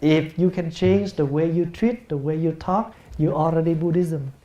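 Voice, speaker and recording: A Buddhist monk, a man with a Vietnamese accent and Vietnamese as his first language, giving a gentle, plain-spoken dharma talk in English and acting out family scenes with humor. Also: on the high side, steady tone, normal speed, muffled recording.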